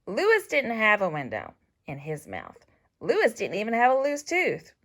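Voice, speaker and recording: Reading from a scripted children's story, a woman narrates with expressive, deliberate phrasing for young ears. She's a storybook reader with a mid-range voice.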